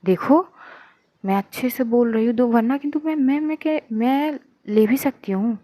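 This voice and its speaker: A woman's voice: fairly high pitch, normal speed, warm tone, dry recording, lightly acted. A woman voicing a teasing, coaxing young policewoman. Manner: pleading, teasing, insistent.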